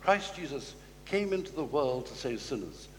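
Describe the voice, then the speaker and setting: Male preacher, mid-pitched, measured sermon delivery, long church reverb. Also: sing-song, slight background noise. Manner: measured, slows down to quote scripture.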